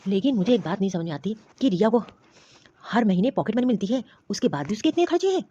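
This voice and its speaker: A woman voicing a worried son and scolding husband in an animated story, talking quickly and insistently. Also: medium pitch, breathy edge, lo-fi sound. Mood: concerned, scolding. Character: grown son and worried husband, office worker.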